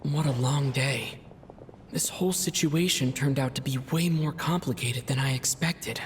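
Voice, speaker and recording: A man voicing a weary, thoughtful, worried companion in a video game, in a reverberant recording with rumbling noise. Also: close to an everyday voice.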